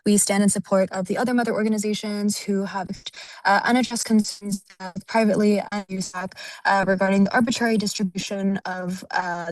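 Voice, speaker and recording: A woman's voice: mid-range voice, dry recording, rough recording. Woman, young adult, firm, prepared statement, dry close sound. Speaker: student organization officer. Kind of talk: prepared public comment.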